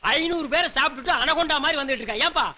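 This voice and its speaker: Comic male lead, high sharp voice, mocking and rambling. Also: rapid-fire. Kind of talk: film comedy dialogue.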